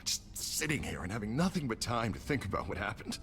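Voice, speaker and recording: Sardonic, gravelly Harvey Dent. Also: male voice, on the low side, very animated, brisk, fairly bright tone, exaggerated voice. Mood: bitter. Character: Harvey Dent, wry bitter young politician in hospital. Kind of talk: video game voice acting.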